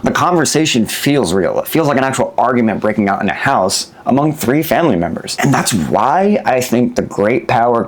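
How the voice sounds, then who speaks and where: A man giving a casual, enthusiastic movie review and swearing freely as he talks. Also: mid-range voice.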